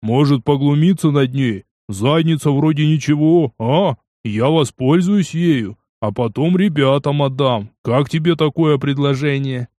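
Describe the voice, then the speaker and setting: A man voicing a fat, brutish male gang thug in an audiobook, loud and jeering with a coarse manner. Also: fairly high pitch, unhurried, few pauses, dry recording, natural voice. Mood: leering. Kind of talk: audiobook character voice.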